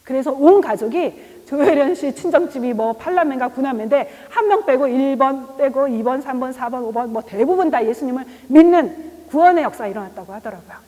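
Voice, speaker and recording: A middle-aged woman delivers a sermon in a high, bright voice. She tells stories with laughter and softens to a hush at tender moments. The long reverb of a chapel trails each phrase. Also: a little fast. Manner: warm storytelling with laughs, drops to a whisper for God's voice. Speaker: preacher. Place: church chapel.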